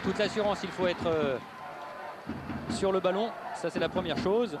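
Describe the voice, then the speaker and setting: A man's voice: high voice, normal speed. A man giving live play-by-play commentary on a football match. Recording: loud stadium crowd and noise.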